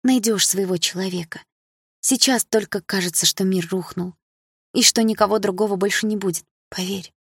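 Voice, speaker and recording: A woman voicing a worried mother who talks softly and pleads patiently with her daughter. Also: medium pitch, steady tone, moderate pace, slightly rough, no echo, studio quality. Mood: soft pleading. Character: worried mother, gentle and defensive.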